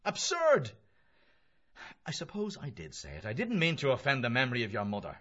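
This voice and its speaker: Male narrator as boisterous young man, high-pitched, wildly swooping delivery, mocking, declamatory, storybook character. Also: huge pitch swings, fairly quick, a bit bright, lo-fi sound. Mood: scornful, indignant. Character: brash mocking young male medical student, theatrically boisterous. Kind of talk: literary audiobook character voice.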